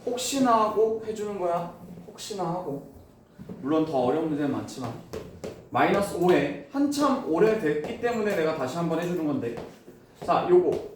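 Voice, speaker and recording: A man teaching a classroom math lesson, explaining step by step and firing quick questions at his students. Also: sits high, very animated, a little hiss or hum. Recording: echoey room, voice from far off.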